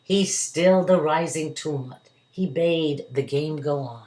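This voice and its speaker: A woman with a low-pitched voice reads a picture-book story aloud to children. Her delivery is expressive and emphatic, in a storyteller's style. The recording is echoey, like a room at home. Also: measured pace. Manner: dramatic, emphatic delivery with acted character voices. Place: indoors at home.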